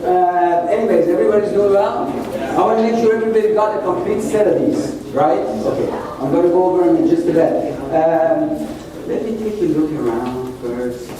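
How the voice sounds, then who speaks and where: A man's voice: high voice, normal speed, crowd noise. A man hosting a real estate club meeting, chatty and joking with the audience. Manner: chatty, jokey, engages the audience. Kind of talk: seminar talk to an audience. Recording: echoey meeting room, mic at a distance.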